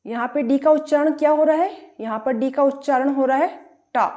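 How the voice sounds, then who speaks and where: A woman with a high but dark-toned voice explains English pronunciation rules at a fairly quick pace. She spells words out letter by letter and poses questions she then answers herself.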